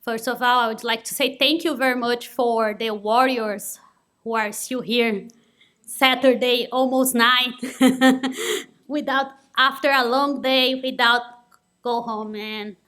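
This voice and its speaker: A young Brazilian woman gives an earnest conference presentation in non-native English, with a Brazilian Portuguese accent. Her voice is a little high, bright, and forceful.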